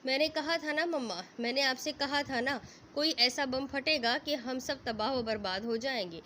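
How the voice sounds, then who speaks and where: A woman's voice: high voice, bright, forceful tone, a little hiss or hum. Woman voicing a sobbing, distraught young husband. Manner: sobbing, threatening.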